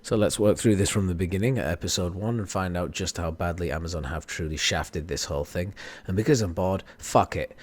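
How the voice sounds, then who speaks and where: A man's voice: low-pitched, a little fast, dry recording. A man reviewing a show in a sarcastic, profane, self-deprecating roast, recorded into a microphone. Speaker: video reviewer. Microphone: studio microphone.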